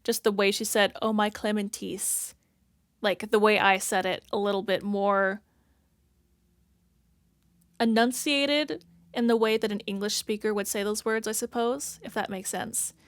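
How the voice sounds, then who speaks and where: A woman's voice: mid-range voice, fairly even intonation, normal speed, dry recording. Rambling woman thinking aloud. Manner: rambling, full of "like" and "if that makes sense"; thinks aloud, searching for words. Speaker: reaction video host. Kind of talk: casual reaction commentary.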